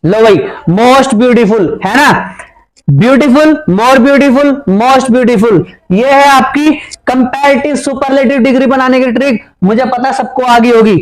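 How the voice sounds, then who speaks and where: A man's voice: extremely high pitch, measured pace, rough recording. A man teaching a playful grammar lesson at a board, chatty and teasing his students, with a Hindi accent.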